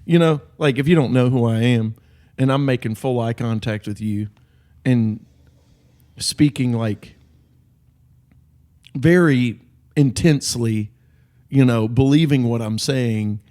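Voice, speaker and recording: Man, podcast co-host, casual chat, intense, earnest storyteller, acts out quotes, mid pitch. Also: slow, long pauses, dark tone.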